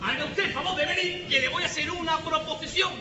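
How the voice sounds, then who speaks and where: An actor playing a bossy male workshop owner in a live comedy sketch, loud and insistent, often shouting. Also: extremely high pitch, fast, big-room sound, muffled recording, noisy background.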